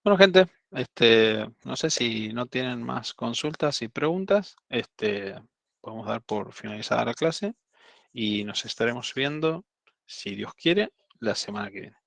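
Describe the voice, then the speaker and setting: A man's voice: mid-range voice, expressive, measured pace, creaky, fairly bright tone, dry recording. A man with an Argentine accent, a teacher telling a chatty anecdote to his online class, full of fillers and restarts. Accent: Argentine Spanish.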